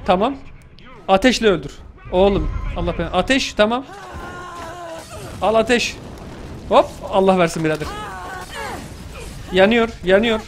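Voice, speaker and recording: A young man casually commenting on his gameplay, joking around and shouting excitedly at the action. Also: high-pitched, a little slow, pauses often, faint music behind. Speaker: gaming YouTuber.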